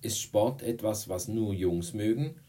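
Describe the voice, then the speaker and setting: A man voicing a friendly, witty female teacher in an audiobook, with a raised, lively voice. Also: on the low side, unhurried, distant mic, voice pushed up, natural voice. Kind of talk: audiobook reading.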